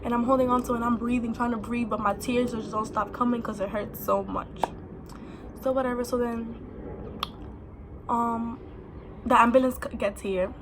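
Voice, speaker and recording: A young woman tells a story straight to camera, blunt and full of swearing. Her voice sits a little high, and she slips into quick impressions of the people around her. A faint hiss runs underneath. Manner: blunt, profane, animated quoting of others. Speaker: vlogger. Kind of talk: casual storytelling.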